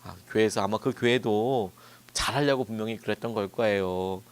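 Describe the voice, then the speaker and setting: A man voicing a humble young male church volunteer who speaks softly and apologetically. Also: lowish voice, moderate pace, pitched below the performer's own voice, close to an everyday voice. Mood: apologetic. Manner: soft and apologetic.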